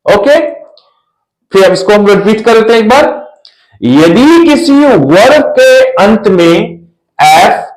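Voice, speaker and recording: A man's voice: high-pitched, very animated, roomy sound, low-quality recording. A man teaching an English pronunciation lesson, spelling out letters one by one and repeating each word several times so learners can copy it. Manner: slow, spells out letters and repeats words for drilling.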